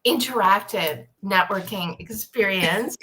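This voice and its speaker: A woman's voice: mid-range voice, slow pace, bright, forceful tone, slight background noise, poor audio. A woman hosting a live panel show, chatty and rambling, often interrupting herself as she goes. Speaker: live show and podcast host.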